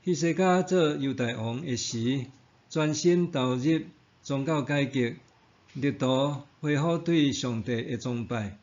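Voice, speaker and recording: Slightly dull recording, guy with a taiwanese hokkien accent reading a devotional really slowly, measured and formal. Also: mid-range voice, a little mellow. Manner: measured, formal read-aloud delivery. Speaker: devotional reader and narrator. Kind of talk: scripted devotional narration.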